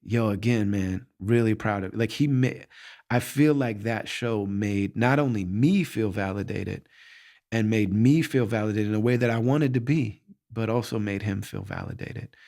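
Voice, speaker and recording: A middle-aged podcast host answers listener questions in a candid, reflective monologue about hard moments. He speaks earnestly, often restarting thoughts while searching for words, in a lowish, gravelly, slightly mellow voice.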